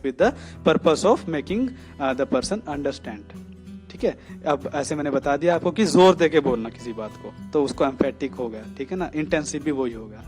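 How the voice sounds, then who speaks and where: A man teaching English grammar in Hindi mixed with English. He keeps checking that students follow and reads the example sentences slowly, stressing each word. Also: fairly high pitch, darkish tone. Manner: explains slowly and often checks "theek hai na?".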